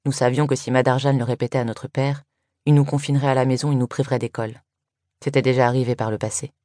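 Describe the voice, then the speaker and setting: A woman reading a first-person story aloud in an even, measured way. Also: rumbling low, dry recording, clean studio sound. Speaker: audiobook reader. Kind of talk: scripted first-person narration.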